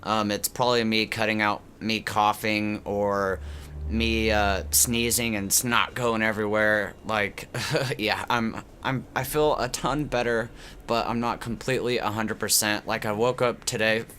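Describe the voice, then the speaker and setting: A man with a cold speaks in a lowish, steady, pushed and bright voice, a little slowly, his stuffiness making him sound like he's in a tube. He rambles through gameplay commentary for his channel with many fillers and restarts, against slight background noise.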